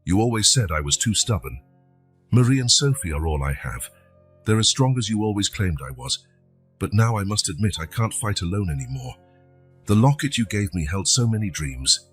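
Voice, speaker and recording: A man narrating a scripted emotional story in a slow, solemn way. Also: lowish voice, sing-song, breathy edge, soft background music.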